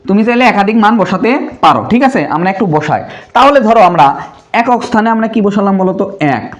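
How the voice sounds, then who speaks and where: A young man teaching a primary school math lesson, asking the pupils questions and answering them himself in a casual, brotherly way. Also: high-pitched. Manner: slows to spell out numbers.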